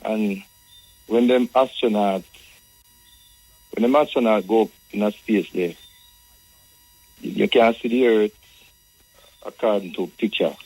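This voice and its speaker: A husky Jamaican man speaks in Rasta speech as a radio caller. His voice sits fairly low, and he repeats himself while building an argument. The sound is dry and close. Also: a little slow, pauses often, a little mellow, dry recording, poor audio.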